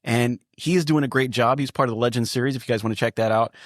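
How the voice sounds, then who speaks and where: A man's voice: medium pitch, fast, no echo, studio quality. A man hosting a podcast, introducing his guest in an upbeat, chatty way. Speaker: podcast host. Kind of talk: casual interview chat.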